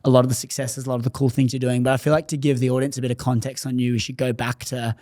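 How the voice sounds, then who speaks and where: A man's voice: medium pitch, level tone, rapid-fire, darkish tone, dry recording, clean studio sound. A man hosting a podcast interview, chatty and thinking aloud with plenty of fillers. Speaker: podcast host. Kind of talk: casual interview.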